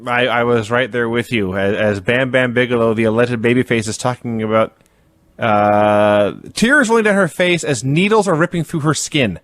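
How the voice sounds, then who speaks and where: A man's voice: mid-range voice, moderate pace, fairly bright tone, no room sound. Wry man co-hosting a podcast. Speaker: podcast co-host. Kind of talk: casual podcast chat.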